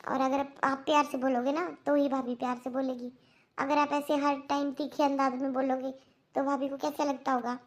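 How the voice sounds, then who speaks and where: A woman's voice: high-pitched, level tone, normal speed, lightly acted. A woman voicing a young married daughter in a cartoon who earnestly lectures her mother. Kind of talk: Hindi cartoon dubbing.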